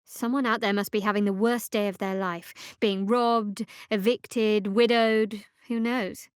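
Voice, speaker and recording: In this video game voice acting, a woman with a mid-range voice plays a guarded, sardonic young female cleric. Her clean, natural delivery is steady and a little slow with no room sound, dry, aloof, and clipped, its sarcasm carrying earnest undertones.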